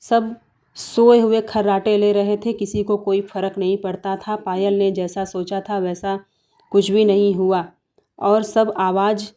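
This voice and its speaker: A woman narrating a cartoon story in a plain, easy storytelling manner. Her voice is mellow and dark-toned, at a middle pitch. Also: little pitch movement, measured pace.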